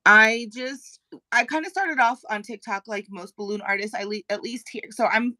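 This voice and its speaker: An upbeat woman from Colorado speaks as an interview guest on a video call. Her voice is bright and crisp with a very dry, close sound, and she talks in a bubbly, giggly way. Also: a little high, moderate pace, no room sound. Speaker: guest, magazine editor.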